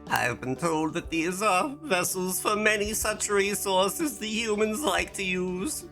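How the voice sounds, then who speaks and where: A woman's voice: mid-range voice, animated, measured pace, fairly bright tone, faint music behind. A woman doing a stiff alien faking being human. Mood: formal. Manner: stilted, overly formal speech with musing hums. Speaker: streamer playing a shop game.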